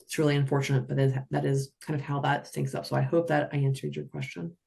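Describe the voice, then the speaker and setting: A woman teaching roller derby officiating on a webinar, energetic and animated, often acting out skaters in playful voices. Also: low voice, quick pace, creaky, slightly rough.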